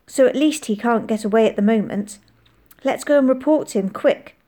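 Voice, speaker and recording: A woman's voice: fairly high pitch, normal speed, mellow, lightly acted. A woman voicing a determined young girl who speaks firmly and urgently, at times in tense whispers.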